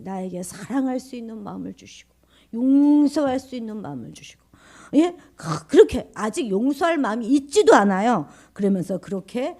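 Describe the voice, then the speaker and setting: A woman pastor preaching a sermon in church, swinging from raised, emphatic lines to hushed whispers and often putting questions to the congregation. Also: on the high side. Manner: conversational, asks the congregation questions.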